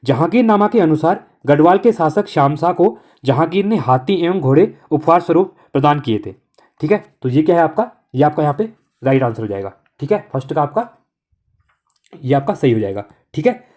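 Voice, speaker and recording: A fast-talking man running an exam-prep lesson, his voice sitting a little high for a man. He works through the answers briskly and keeps checking in with the students. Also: animated, darkish tone. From Uttarakhand. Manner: brisk, repeats "okay" constantly, coaching tone.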